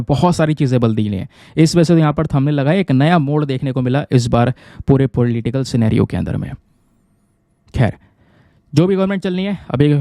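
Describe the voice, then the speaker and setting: A man's voice: mid-range voice, dark tone, no echo. A man teaching current affairs to exam students in a chatty way, often checking with his viewers. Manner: conversational, keeps checking with listeners. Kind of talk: explaining news to exam students.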